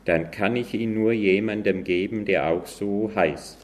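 Man reading as a pedantic snail mail carrier, storybook voice, distrustful, very slow, deep. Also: lightly acted.

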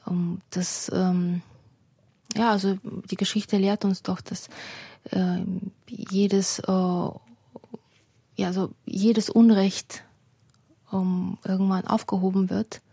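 Gravelly, husky Ukrainian woman writer. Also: mid-range voice, flat delivery, slow, long pauses, mellow, no room sound. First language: Russian. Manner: hesitant, many fillers and restarts. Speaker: writer, interview guest. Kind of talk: reflective interview answers.

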